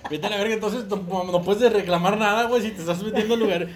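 A man's voice: high voice, steady tone, fast talker. A young man with a Mexican accent in casual podcast chat, joking and saying "güey" constantly.

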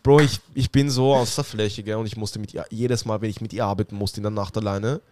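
A man's voice: lowish voice, fairly even intonation, brisk, darkish tone, no room sound. A young man, hosting a podcast and telling a story in casual slang, saying "bro" and "you know" a lot. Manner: slangy storytelling, says "Bro" and "weißt du" all the time. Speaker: podcast host. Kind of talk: casual chat.

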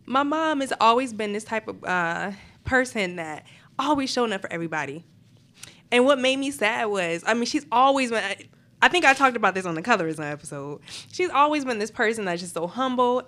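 Young adult woman co-host, fairly high and bright, soft-spoken and reflective. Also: lively intonation, a little fast. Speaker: podcast co-host. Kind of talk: casual chat.

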